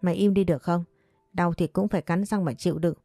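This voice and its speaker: A woman's voice: lowish voice, fairly even intonation, quick pace, dark tone, no echo, clean studio sound, faint music behind. A woman voicing a young servant girl who talks in a curt, scolding way. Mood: irritated, urgent.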